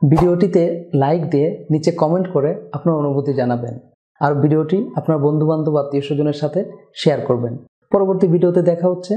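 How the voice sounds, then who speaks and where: Guy teaching english pronunciation, kinda high but mellow voice, repeats words slow for you to copy. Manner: addresses viewers as "dear viewer" often, repeats words slowly for drill. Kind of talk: scripted pronunciation lesson.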